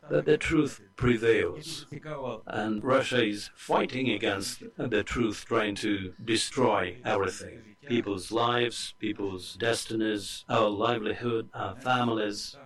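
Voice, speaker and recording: A man speaking as a live interpreter, voicing a speaker's testimony in the first person with earnest, measured phrasing. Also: on the low side, fairly bright tone.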